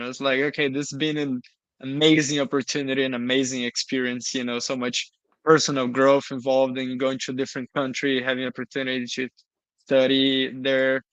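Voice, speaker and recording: A man's voice: on the high side, a bit bright, smooth, no echo, poor audio. A young man from Brazil, a guest telling his story in casual, earnest talk over a video call. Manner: earnest, frequent "you know".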